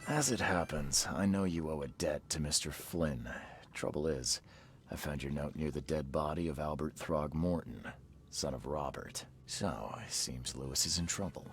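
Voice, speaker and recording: Very deep, gravelly private eye. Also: male voice, moderate pace, a little hiss or hum. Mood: cool, pressing. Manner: terse, dry, self-assured. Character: hard-boiled male private investigator, cool and threatening. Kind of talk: noir video game dialogue.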